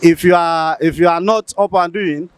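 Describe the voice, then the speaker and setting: A football fan, calmly giving his analysis in a street interview. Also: fairly high pitch, smooth. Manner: measured, analytical.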